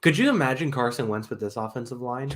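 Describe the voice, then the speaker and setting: A man's voice: mid-range voice, animated, fast, a bit bright. A man co-hosting a sports podcast, chatting casually and joking about football. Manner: joking, laughs between points.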